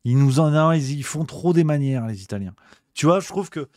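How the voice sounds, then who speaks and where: A man's voice: on the high side, animated, normal speed, a little mellow, no room sound, clean studio sound. A male host delivering a comedic rant on a livestream show, exasperated and swearing, repeating his grumbles.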